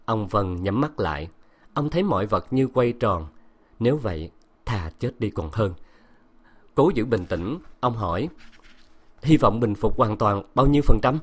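A man narrating a novel in an even storytelling delivery. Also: on the low side. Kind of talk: audiobook novel reading.

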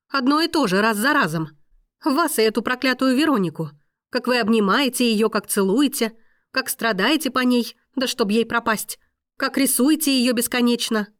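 Woman doing an enraged young heroine, high and loud, shrill outbursts, dry audiobook read. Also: expressive, normal speed, dry recording. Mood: furious.

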